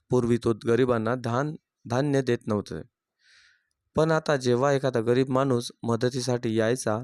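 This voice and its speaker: A man narrating a moral story in a steady, plain read-aloud manner. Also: mid-range voice, smooth, dry recording, studio quality.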